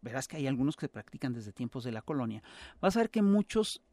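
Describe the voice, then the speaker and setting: A man with a Mexican accent, explaining as an interview guest in a halting, lecturing way with many filler sounds. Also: medium pitch, big pitch swings, darkish tone, no echo. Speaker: guest expert on Mexican humor and cinema.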